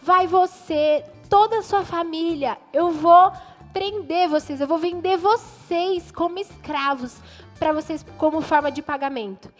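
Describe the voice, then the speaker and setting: A woman's voice: very high-pitched, a little slow. Woman doing a scolding storybook king. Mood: stern. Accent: Brazilian Portuguese. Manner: scolding, stern questions. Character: stern angry male king. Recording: reverberant room, faint music.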